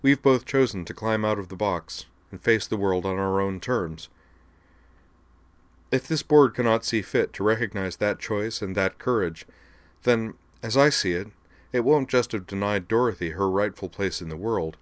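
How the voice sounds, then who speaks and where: A man voicing a defiant young woman who speaks with earnest, measured resolve before a board in an audiobook. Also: lowish voice, dry recording, natural voice. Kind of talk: audiobook dialogue.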